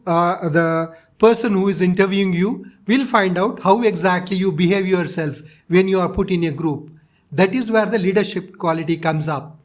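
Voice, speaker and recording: A man in his sixties with a South Indian accent, recounting his experience in an interview in a measured, explanatory way. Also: sits high. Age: 60s. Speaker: interviewee, retired navy officer.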